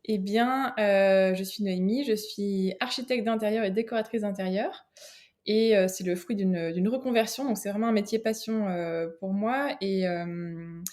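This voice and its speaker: A woman from France, an interior architect and decorator, speaking as a podcast guest. She chats casually with frequent pauses and restarts. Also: medium pitch, darkish tone. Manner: hesitant, with frequent fillers and restarts.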